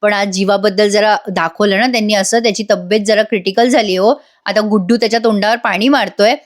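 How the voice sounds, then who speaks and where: A woman's voice: mid-range voice, fairly even intonation, brisk. A woman recording a chatty voice-over review of a TV serial episode, talking directly to her viewers.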